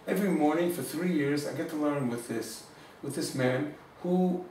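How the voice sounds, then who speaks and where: A man giving an informal Torah class, telling a story warmly and mixing in Hebrew and Yiddish words. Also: a little high, moderate pace, recorded from a distance, a little hiss or hum. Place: room in Jerusalem. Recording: echoey room, speaker away from the mic.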